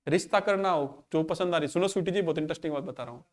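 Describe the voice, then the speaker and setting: A man in his thirties teaching maths, talking quickly in a raised, high voice. He drifts into chatty anecdotes and acts out each quoted line as he tells the story. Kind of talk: casual storytelling in a class.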